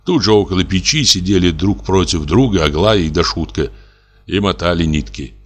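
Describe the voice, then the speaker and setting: A man narrating a classic story in a measured, grave reading. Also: low-pitched, animated. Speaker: audiobook narrator. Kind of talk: scripted literary narration.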